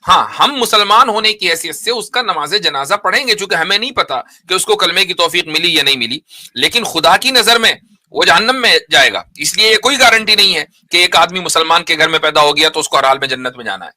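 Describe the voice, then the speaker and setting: Bright, sharp-voiced man debating. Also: high voice, lively intonation, a little fast. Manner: argumentative, probing, repeats points. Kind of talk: live religious debate, question and answer.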